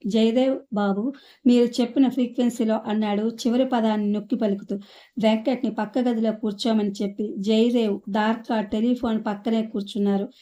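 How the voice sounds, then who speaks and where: A woman narrates a novel in a steady, even storytelling manner. Her voice sits somewhat high and sounds warm and mellow. She reads the characters' lines with little change of voice. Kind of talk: scripted audiobook narration.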